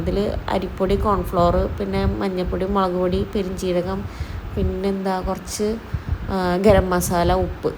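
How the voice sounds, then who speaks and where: A mom vlogger talks casually to the camera about her day at home, in her kitchen and dining area. Her mid-range voice has a darkish tone with a little hiss or hum, and she's homely and chatty, often correcting herself mid-sentence.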